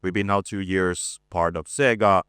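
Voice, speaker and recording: A man in his forties giving a conference presentation, relaxed and self-deprecating, with frequent hesitations and a voice worn from talking a lot. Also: deep voice, moderate pace, smooth, no room sound, clean studio sound. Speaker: conference speaker, art director. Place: conference stage.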